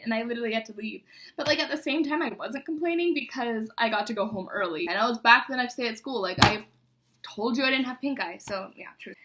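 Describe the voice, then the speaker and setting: A woman's voice: high-pitched, pushed and bright. A young woman chatting casually to viewers as she reads aloud from an old diary, embarrassed and poking fun at herself. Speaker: vlogger.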